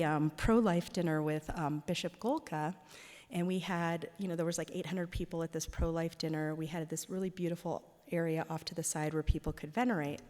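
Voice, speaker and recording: A woman's voice: low-pitched, darkish tone. A woman speaking at a parish event, telling stories in a chatty way full of "like" and "um". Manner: chatty, with many "like" and "um" fillers. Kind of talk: casual storytelling talk. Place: church. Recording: long reverb of a large hall.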